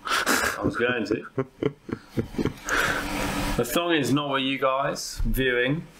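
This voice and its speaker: A man co-hosting a travel podcast, playful and quick to poke fun at himself in loose chat. His voice sits at a middle pitch. A steady layer of noise runs under the recording. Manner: playful, self-mocking guesser. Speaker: podcast co-host. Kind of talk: casual chat. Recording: noisy recording.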